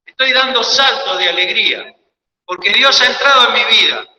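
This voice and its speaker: A man with an Argentine Spanish accent preaches with fervor, his voice high and piercingly bright. He swings between loud cries and near-whispered pleading. The sound carries the roomy, long reverb of a church hall. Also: moderate pace. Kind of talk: sermon.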